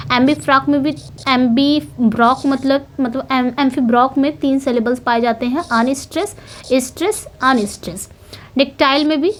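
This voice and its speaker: A woman with a high voice teaches an exam-preparation lesson. She explains each answer patiently in Hindi, often repeating herself and correcting slips. She slows right down to read the English questions aloud.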